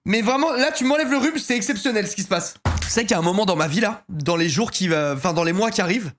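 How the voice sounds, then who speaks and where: A man's voice: high voice, expressive, quick pace, fairly bright tone, soft background music. Joking man streamer with a cold. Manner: joking, laughs often, swears casually. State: has a cold, stuffy and sick. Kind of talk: casual live-stream chat.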